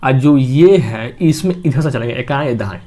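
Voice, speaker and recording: A man's voice: medium pitch, animated, moderate pace, mellow. A man teaching a maths class, explaining step by step and asking and answering his own questions. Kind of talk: classroom lesson.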